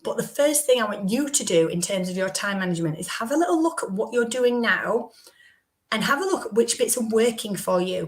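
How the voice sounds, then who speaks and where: A woman hosting a live business stream, her voice croaky from recovering, chatting with asides to her viewers. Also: medium pitch. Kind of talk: casual live-stream talk.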